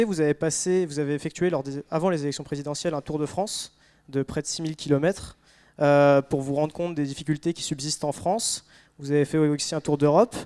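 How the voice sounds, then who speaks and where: A man's voice: on the high side, darkish tone, clean tone. A man interviewing a guest at a conference, asking long questions with frequent hesitation. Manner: hesitant, with many fillers and restarts.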